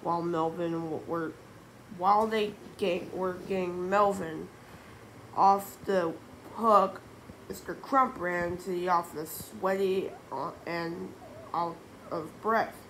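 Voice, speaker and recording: A woman reading a children's book aloud, halting, with frequent restarts and slips. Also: on the low side, fairly even intonation, a bit bright, slight background noise. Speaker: reader.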